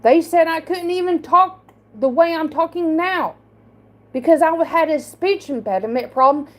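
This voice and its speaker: In an emotional livestream monologue, a woman speaks in a very high-pitched, animated voice. Her delivery is defensive and halting, marked by a slight speech impediment and repeated, restarted words.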